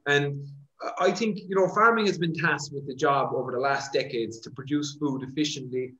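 Host in an echoey room. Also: male voice, fairly high pitch, moderate pace, fairly bright tone, dull audio. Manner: conversational, filler "like" and "uh". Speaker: podcast host, vet. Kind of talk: casual interview.

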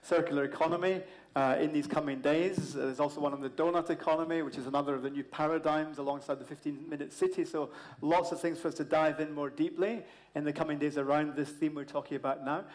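Male moderator, 50s, slightly high voice, chatty with fillers and asides, on a large conference stage. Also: steady tone, fast talker, hardly any pauses, a little mellow, poor audio. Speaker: panel moderator. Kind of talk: live event moderation.

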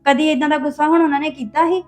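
A woman's voice: sits high, fairly even intonation, fast talker, a little mellow, faint music behind, natural voice. A young woman playing a hurt, defensive wife who complains and pleads in a family drama. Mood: upset. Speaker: actor in a family web drama. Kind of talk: acted family drama dialogue.

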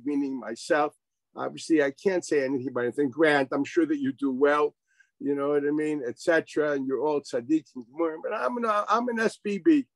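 A man's voice: fairly high pitch, dry recording, low-quality recording. A man teaching an informal Torah class over a video call, wry and sarcastic, firing rhetorical questions and sprinkling in Hebrew and Yiddish terms.

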